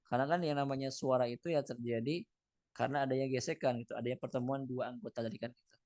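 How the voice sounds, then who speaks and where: A man teaching a recitation class at an ordinary middle pitch. He reads Arabic lines and then unpacks them in a loose, conversational way, searching for words as he goes. The sound is dry, with no room echo. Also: fairly even intonation, fast, darkish tone. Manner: reads phrases in Arabic, then explains them casually with fillers. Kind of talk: explaining a text line by line.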